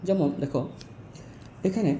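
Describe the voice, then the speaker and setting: A man teaching English pronunciation in a lesson, explaining step by step and repeating example words slowly as he speaks directly to his learners. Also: high-pitched, warm tone, a little hiss or hum. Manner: addresses learners directly and informally. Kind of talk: Bengali-language phonetics lesson.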